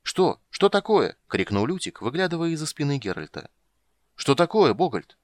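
Jumpy bard, read by a man, voice jumping higher, breathless curiosity. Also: fast, dry recording. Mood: excited. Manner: eager, excitable. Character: lively, excitable male bard.

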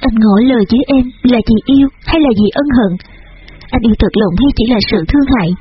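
Guy reading as a teary hurt young woman, soft pleading voice, faint music under it. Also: very high-pitched, fast talker, breathy edge, full character voice. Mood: pained. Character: tearful young woman, injured and bedridden. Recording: dull lo-fi audio with faint music.

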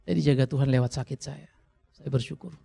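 A man's voice: medium pitch, steady tone, quick pace, gravelly, mellow, breathy edge. A middle-aged man preaching a sermon in a church, in a chatty, conversational way with jokes for the congregation. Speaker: pastor.

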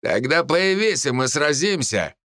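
A man's voice: a little high, very animated, measured pace, no room sound, clean studio sound, exaggerated voice. A man doing a boastful archer leader. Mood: defiant. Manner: boastful, defiant, shouting. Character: arrogant male archer, mercenary leader.

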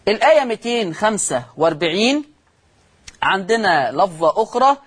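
Egyptian sheikh teaching Quran reading. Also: male voice, sits high, sing-song, a bit bright, slightly rough. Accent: Egyptian Arabic. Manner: stretches out words slowly to show how they are pronounced. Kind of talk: televised religious lesson.

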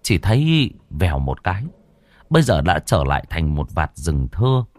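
A man narrating a ghost story in a lively, expressive way. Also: low-pitched, moderate pace, dry recording, studio quality. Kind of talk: scripted narration.

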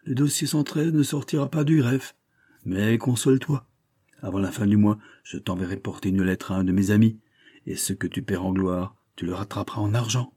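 Male reader's commanding detective chief, brisk, husky. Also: lowish voice, warm tone.

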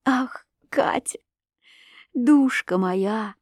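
A woman voicing a shy, timid orphan girl who speaks softly in a breathy half-whisper. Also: a little high, drawn-out words, no echo, studio quality. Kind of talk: audiobook reading.

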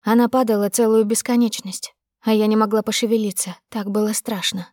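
A woman's voice: mid-range voice, fairly even intonation, fairly quick, a little mellow, dry recording, clean studio sound. A woman narrating a tense, dramatic audiobook in the first person.

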